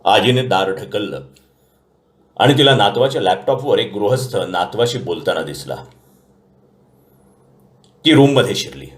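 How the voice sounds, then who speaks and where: A man narrating an audio story in a lively storytelling manner. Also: fairly low pitch, unhurried, pauses often, echoey room.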